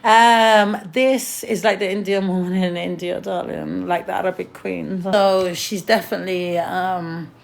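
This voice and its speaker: A woman's voice: on the low side, fairly even intonation, unhurried, creaky, few pauses. A woman chatting casually on a livestream at home in a flamboyant, profane way, often calling people darling. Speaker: artist and vlogger.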